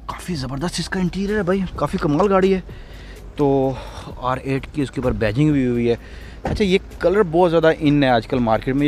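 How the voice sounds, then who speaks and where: A man with a mid-range voice and Pakistani Urdu accent films himself on a handheld phone while touring an outdoor car auction yard. Chatty and eager, he exclaims over the vehicles in this casual walk-and-talk vlog, with slight background noise present.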